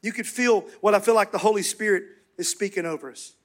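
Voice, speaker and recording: A man with a fairly high voice preaches to a church congregation. He rallies the room with fervent calls, then drops to slow, soft, emphatic words. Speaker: pastor. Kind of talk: sermon.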